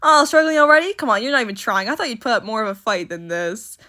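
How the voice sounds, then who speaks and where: A smug, scheming male supervillain, read aloud by a woman with a fairly high voice, taunting his prey and then snapping in exasperation. His delivery is theatrical and mocking throughout. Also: lively intonation, fast, pushed and bright. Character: smug scheming male villain commanding drones.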